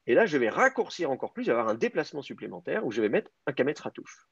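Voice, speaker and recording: A man's voice: mid-range voice, sing-song, fast, vocal fry, breathy edge, no echo, dull audio. A man teaching a Hebrew grammar class online, explaining step by step and thinking aloud with many hesitations.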